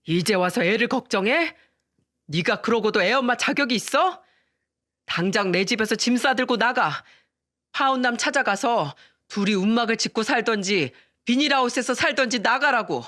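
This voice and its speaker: A woman's voice: fairly high pitch, animated, normal speed, fairly bright tone, voice pushed up. A woman voicing a betrayed young husband who speaks with scorn in a storybook reading. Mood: contemptuous. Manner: scornful and cutting.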